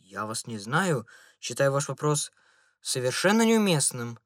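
A man reading an audiobook and voicing a calm gentleman in a soft hat who answers curtly and slowly. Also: medium pitch, no echo, studio quality. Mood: cool. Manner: cool, dismissive, slow replies.

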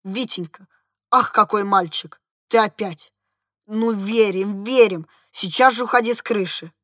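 A gushing, affected middle-aged society lady, put on by a woman reading a story, sweet on the surface with a cold disdainful edge. Her voice sits at an ordinary middle pitch and sounds dry and close. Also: unhurried, no echo, lightly acted. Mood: alarmed. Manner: sugary and gushing, turning sharp and disdainful.

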